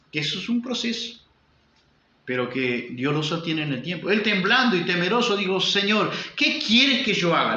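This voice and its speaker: Uruguayan pastor guy preaching, bright lively voice, echoey dull sound. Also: fairly high pitch, slight background noise. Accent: Uruguayan Spanish. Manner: emphatic preaching with rhetorical questions and repetition. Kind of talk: sermon.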